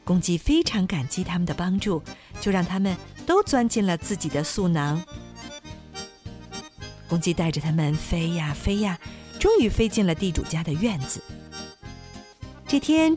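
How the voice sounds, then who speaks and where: A woman narrating a children's folk tale with an expressive, animated reading. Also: lowish voice. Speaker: storyteller.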